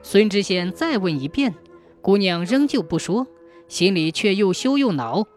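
A storyteller telling a folk tale in a lively, dramatic way. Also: mid-range voice, a little slow, soft background music.

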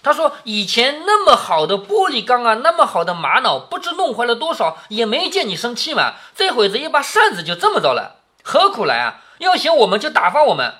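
A man's voice: extremely high pitch, huge pitch swings, brisk, pushed and bright. A man reading a classic novel aloud to his daughter and explaining it, often asking "isn't it?" and lifting his voice for quoted lines. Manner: keeps asking tag questions like "isn't it?" to check understanding; reads quoted lines with a raised, acted lilt.

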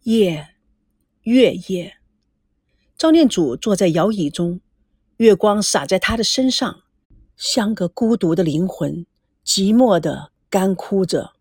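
A woman narrating an audiobook in an expressive storytelling voice. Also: mid-range voice, slow, pauses often, breathy edge, dry recording, clean studio sound.

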